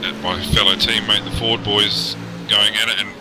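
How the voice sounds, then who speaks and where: A man, a racing driver, chatting in lively, joking, rambling fashion on a commentary call. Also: lowish voice, normal speed, over music, poor audio. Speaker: race driver joining commentary.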